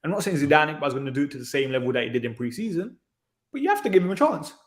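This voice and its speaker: Guy, bit higher voice, echoey room, lots of innit and kind of thing. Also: very animated, very fast. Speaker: co-host pundit. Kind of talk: casual football reaction chat.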